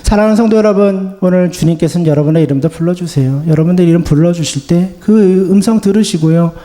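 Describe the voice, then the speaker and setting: Gentle high-voiced pastor in a reverberant church. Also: male voice, fast talker. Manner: gentle, voices the Lord's comforting words. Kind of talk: sermon. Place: church sanctuary.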